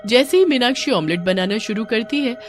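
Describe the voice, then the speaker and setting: Woman narrating a lively story. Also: fairly high pitch, brisk, soft background music. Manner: lively, switches between narration and character voices. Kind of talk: scripted story narration with voiced characters.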